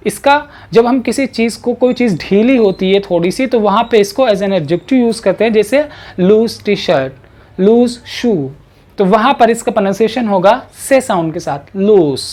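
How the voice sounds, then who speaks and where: A woman's voice: mid-range voice, a little mellow. Woman teaching English pronunciation. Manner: slow, drawn-out model sentences in English; mixes Hindi with English words, repeats key words. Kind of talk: pronunciation lesson.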